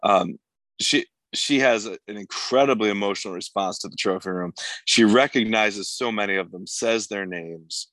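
A man's voice: on the low side, normal speed, fairly bright tone, no room sound. A man co-hosting a podcast, recapping the plot of a TV episode in long, casual runs and laughing easily. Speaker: podcast co-host.

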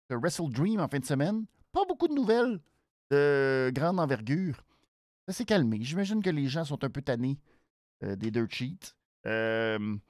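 A host with a nasal voice and a Quebec French accent gives a casual show recap, halting and repeating words for emphasis. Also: mid-range voice, dry recording, clean studio sound. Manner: animated, hesitant, halting phrases with repeats for emphasis. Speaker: wrestling show review host.

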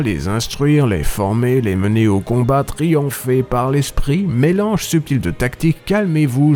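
A man reads a scripted game review in a dry, ironic manner, with long and ornate sentences. His tone is dark and mellow, and his pitch sits in a middle range. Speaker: video game critic.

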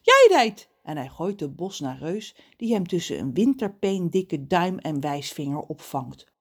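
A woman reading a children's story aloud in a lively, expressive way. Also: low voice, measured pace, slightly rough.

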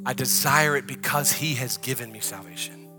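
A man from the American South with a Southern accent, preaching a conversational sermon in a church and rising to loud, drawn-out prayer. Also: mid-range voice, music in the background. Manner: drawn-out, emphatic phrasing in the closing prayer. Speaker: pastor. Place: church hall.

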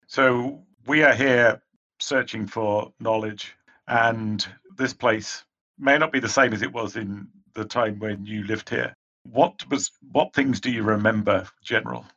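Male tabletop player, forceful bright voice, in-character talk, slightly muffled lo-fi recording. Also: on the low side, a little slow.

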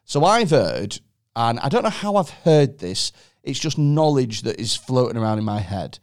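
A man hosting a casual podcast chat, animated and swearing often, with exaggerated reactions. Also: mid-range voice, moderate pace. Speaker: podcast host.

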